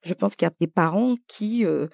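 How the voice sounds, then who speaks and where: A woman co-hosting a podcast, talking in an animated, emphatic way and thinking aloud in casual conversation. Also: on the low side, normal speed, creaky, dry recording, studio quality. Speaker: podcast co-host.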